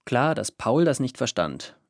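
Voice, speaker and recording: A man narrating a first-person story in a calm, even storytelling manner. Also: mid-range voice, measured pace, no echo, clean studio sound. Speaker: audiobook narrator.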